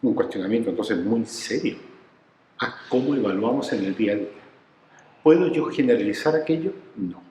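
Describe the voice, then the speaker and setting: This man's medium-pitched voice comes at a moderate pace through poor, roomy, big-room audio. In a reflective storytelling interview about his research, he's an animated narrator who acts out the people he quotes.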